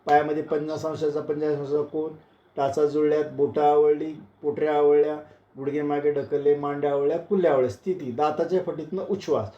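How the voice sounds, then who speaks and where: A man leading an online breathing and posture class, counting slowly and giving calm step-by-step cues that drop soft and low. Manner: slow, counting cues, voice dropping soft and low when calming. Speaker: yoga and breathing instructor. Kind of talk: guided breathing exercise instruction. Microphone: video call. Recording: roomy, dull lo-fi online class audio.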